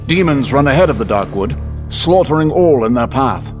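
A man's voice: medium pitch, lively intonation, moderate pace, faint music behind, close to an everyday voice. A man playing an earnest, urgent royal adviser and warrior in an audio drama, formal and insistent. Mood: grave, urgent.

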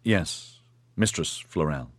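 A man's voice: extremely low pitch, animated, slow pace, slightly rough, no room sound, full character voice. A man voicing a sheepish young man who answers in a subdued, muttered way.

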